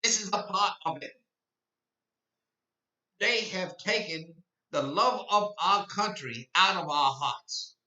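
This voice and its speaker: An old man in his eighties talks through a rambling podcast monologue that turns impassioned. His voice is somewhat high and very bright and cutting. He sounds far from the mic in an echoey space, on a dull lo-fi recording. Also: expressive, slow, pauses often. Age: 80s. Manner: rambling, repeats himself, grows impassioned. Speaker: podcast host. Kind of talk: rambling live-stream monologue.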